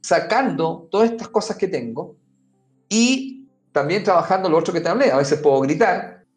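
Guy with a highish voice explaining stuff on a podcast, roomy echo. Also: lively intonation, normal speed. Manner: talks straight to the listener, often saying "mira" and "amigo". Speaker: podcast guest giving advice. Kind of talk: conversational explaining. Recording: roomy echo with faint music.

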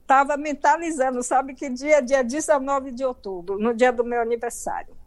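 A woman's voice: high voice, normal speed. A middle-aged Brazilian woman with a Brazilian Portuguese accent, telling her story emphatically as an interview guest.

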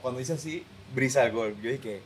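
A man tells a story at his ease in casual chat. He quotes his own words as he goes, in a voice of middle pitch. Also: normal speed, a little hiss or hum. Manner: relaxed storyteller quoting himself. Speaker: podcast co-host.

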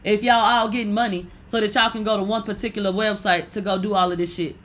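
Female commentator, mid-pitched, sharp bright tone, smug sarcastic exposé delivery, confrontational and sweary. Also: fairly even intonation, quick pace. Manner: blunt, profane slang, repeats lines for emphasis. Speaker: host and cultural commentator. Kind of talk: unscripted exposé commentary on platform drama.

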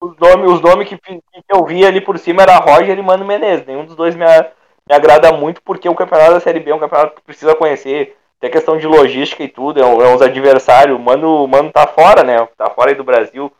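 A man giving his opinions in a casual football debate, halting and restarting often. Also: fairly high pitch, fairly even intonation. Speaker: football pundit.

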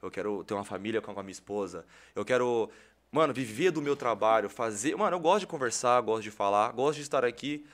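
Fast, lively young Brazilian man. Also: medium pitch. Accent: Brazilian Portuguese. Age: 20s. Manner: animated storytelling, heavy slang, acts out quoted voices. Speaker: podcast guest, content creator. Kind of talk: casual podcast conversation.

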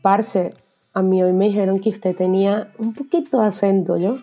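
A woman's voice: medium pitch, steady tone, moderate pace, mellow, muffled recording, soft background music. A woman hosting a podcast, asking curious questions and teasing her guest. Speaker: podcast host. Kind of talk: casual podcast chat.

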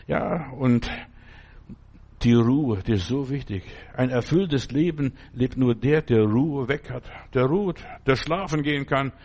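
This male preacher talks in a homey, chatty way, his pitch rising and falling widely as he keeps checking whether the listener is following along. His voice is creaky with a darkish tone.

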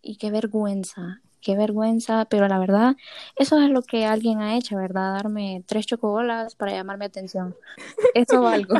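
Animated young woman storyteller. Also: mid-range voice, normal speed, no room sound. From Honduras. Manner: animated storyteller, acts out quoted voices. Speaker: guest telling stories. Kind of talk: casual chat.

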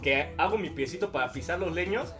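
A man with a Mexican Spanish accent telling a long anecdote in slangy, animated casual podcast chat. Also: a little high, a little fast. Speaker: podcast guest storyteller.

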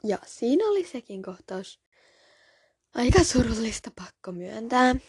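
Gravelly-voiced woman reading a book aloud. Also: a little high, big pitch swings, darkish tone, dry recording, studio quality. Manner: casual and a little apologetic in asides. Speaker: podcast host reading a book. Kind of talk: book reading with casual asides.

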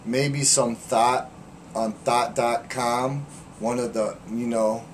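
A man's voice: mid-range voice, little pitch movement, slow, a little hiss or hum. A man hosting a podcast, joking around with crude, profane banter. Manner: joking, profane, playful trash talk. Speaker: podcast host.

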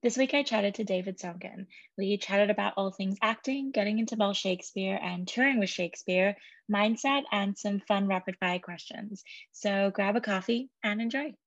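A woman's voice: mid-range voice, moderate pace, dry recording. A woman hosting a casual podcast over a video call, chatty and encouraging, laughing often. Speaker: podcast host. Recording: dry, dull lo-fi call audio.

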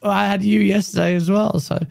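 Male podcast guest, gravelly, giggly, stammering; dry sound. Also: sits high, flat delivery, fairly quick, a little mellow, no echo. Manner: laughs often, stammers and restarts. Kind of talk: casual podcast chat.

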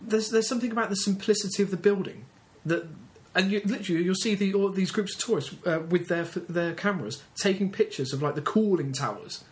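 A man's voice: high voice, quick pace, few pauses. An English man co-hosting a casual comic chat, often stumbling and restarting his sentences. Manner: hesitant, stammering restarts. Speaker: podcast co-host.

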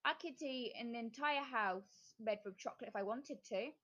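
A woman's voice: on the high side, normal speed, fairly bright tone, dull audio. A woman voicing a greedy, boastful male big cat in a storybook reading, demanding and pleading by turns.

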